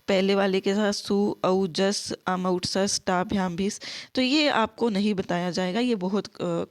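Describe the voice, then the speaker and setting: A woman gives an exam-prep grammar lesson at an unhurried, careful pace. Her pitch sits in an ordinary middle range, and she keeps repeating forms and asking her students to say them back with her. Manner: slow, repetitive, drills students in call-and-response; mixes English words into Hindi. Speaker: Sanskrit teacher.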